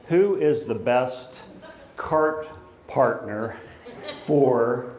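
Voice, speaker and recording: A middle-aged man giving an informal father of the bride speech at a wedding reception, conversational and anecdotal, pausing for the guests. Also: mid-range voice. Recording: echoey room, loud crowd and background noise. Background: crowd of guests, room noise.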